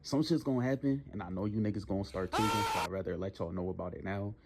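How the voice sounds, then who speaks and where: A man's voice: sits low, fast, creaky, loud music behind the voice. 20-year-old man talking into a phone. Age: 20s. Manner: slangy, joking, trash-talking. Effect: recorded on a phone. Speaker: YouTuber. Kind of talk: casual talk to viewers.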